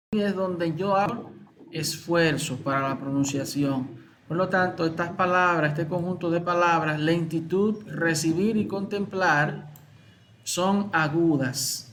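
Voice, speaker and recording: A man with a Dominican accent teaching his class, his voice set fairly high. He works through an exam answer by answer, repeating key words and putting questions to the students. A faint hiss sits under the recording. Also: a bit bright. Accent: Dominican Spanish. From Dominican Republic.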